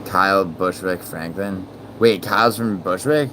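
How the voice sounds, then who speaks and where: A man hosts a casual livestream, reading out viewer messages as he goes. He rambles, swears freely and lets sentences trail off. A steady air-conditioning hum runs underneath. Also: low-pitched, measured pace. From born in Italy, raised in New York. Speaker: livestream host.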